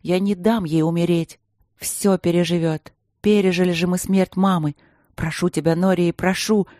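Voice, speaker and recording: A woman's voice: fairly low pitch, fairly even intonation, moderate pace, dark tone, no echo, studio quality, close to an everyday voice. A woman voicing a proud, fiery young princess who speaks in an impassioned way. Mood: pleading. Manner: pleading, impassioned.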